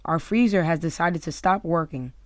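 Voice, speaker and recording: A woman's voice: sits low, normal speed, no room sound, clean studio sound, lightly acted. A woman voicing a kindly, upbeat man who looks after his young charge in a children's storybook, speaking in a reassuring, encouraging way. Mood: consoling. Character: man with the yellow hat, kindly upbeat adult caretaker. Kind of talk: children's storybook read-aloud.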